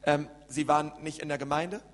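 A man's voice: a little high, brisk. Man interpreting a sermon in a hall. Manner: animated, with many fillers and restarts. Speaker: church interpreter and host. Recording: echoey church hall with hum.

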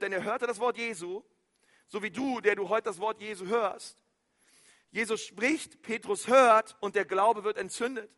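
A man preaching a sermon as pastor, fervent, with repeated phrases, swinging from loud to hushed. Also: high voice.

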